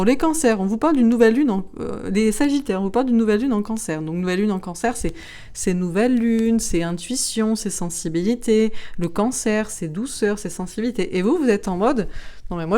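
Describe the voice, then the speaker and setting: A woman's voice: mid-range voice, warm tone. A woman giving a casual astrology and tarot reading to camera, chatty and rambling, laughing often and using slang. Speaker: tarot card reader.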